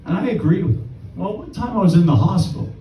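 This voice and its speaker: A man's voice: high voice, expressive, fast talker, muffled recording, slight background noise. Man in his sixties, stand-up comedian, wry rambling storyteller, distant mic, roomy echo. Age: 60s. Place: live comedy stage.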